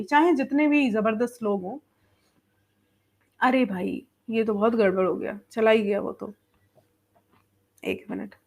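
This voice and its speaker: A woman teacher with a Bihari Hindi accent, explaining an English lesson in Hindi and switching between both languages. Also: high-pitched. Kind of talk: online class lesson.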